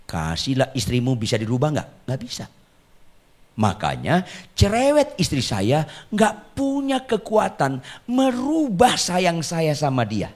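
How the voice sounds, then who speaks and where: Male pastor from the Batak region, comic sermon, animated delivery, self-mocking, loud bursts then quiet asides. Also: on the high side, a little slow. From Batak, Indonesia. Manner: joking, self-mocking, with sudden loud outbursts and soft asides. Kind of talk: humorous sermon. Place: church sanctuary.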